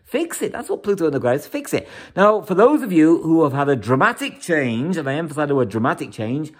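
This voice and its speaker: A man giving a monthly horoscope in a blunt, animated style, swearing freely and hammering points home by repeating them. His voice sits fairly high and swings widely up and down as he talks. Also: fast. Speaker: astrologer.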